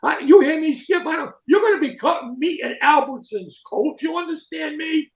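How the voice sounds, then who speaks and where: A man putting on a gruff old head coach who barks threats at a younger coach. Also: very high voice, lively intonation, moderate pace, pitched above the performer's own voice. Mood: scolding. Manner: barking, threatening. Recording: echoey room, dull lo-fi sound.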